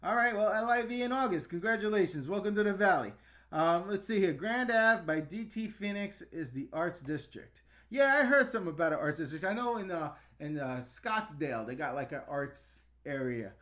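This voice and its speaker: A man in his thirties, originally from the New York and New Jersey area, hosts a casual livestream and answers chat questions. His voice sits a little high for a man, and he talks frankly and loosely, dropping ums and quick laughs as he goes. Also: animated, fairly bright tone. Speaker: channel host answering live chat.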